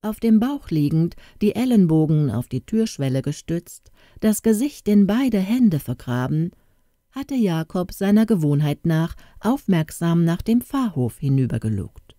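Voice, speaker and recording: A woman reading a Christmas story aloud in a calm, expressive way. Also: on the low side, a little slow, dry recording, clean studio sound.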